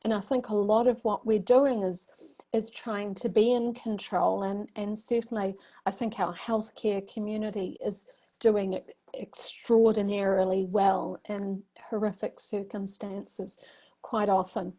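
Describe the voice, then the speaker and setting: A woman from New Zealand with a soft, mellow timbre talks through her thoughts on a video call. She is reflective and searching, circling back and restarting sentences as she works her ideas out. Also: medium pitch, flat delivery, a little slow. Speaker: panelist. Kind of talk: reflective panel discussion.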